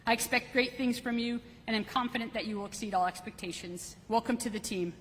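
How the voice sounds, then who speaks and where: Fast-talking woman giving a podium speech, reverberant. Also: on the high side, a bit bright. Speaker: military leader giving welcome remarks at ceremony. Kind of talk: prepared formal podium speech. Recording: reverberant hall, faint background noise.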